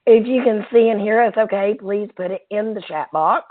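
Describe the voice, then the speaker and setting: A woman with a hoarse, froggy voice co-hosting a casual live webinar. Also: medium pitch, moderate pace. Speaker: webinar co-host. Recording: tinny, phone-like band-limited webinar audio.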